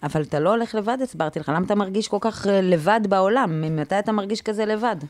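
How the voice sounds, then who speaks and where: A woman's voice: mid-range voice, dry recording. A woman co-hosting a radio show, chatting casually and telling stories with acted-out quotes. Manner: lively storytelling, acts out quoted voices. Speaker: radio co-host. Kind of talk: casual banter.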